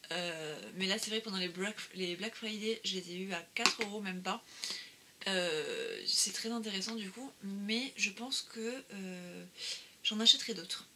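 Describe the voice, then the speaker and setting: A woman's voice: medium pitch, heavy background noise. A woman talking casually through a craft-supply haul, with many fillers and restarts. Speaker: craft vlogger.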